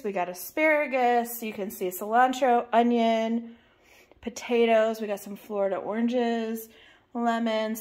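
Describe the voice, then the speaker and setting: A woman co-hosting a casual grocery haul in a home kitchen, chatty and filling in with lots of "um"s as she lists the items. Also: a little high. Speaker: channel co-host.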